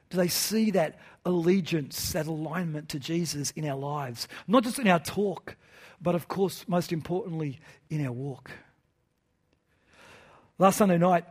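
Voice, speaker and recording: A man with a fairly high voice preaches an evening sermon in church. He speaks earnestly and lets his phrases fall away soft and quiet at their ends. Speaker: pastor.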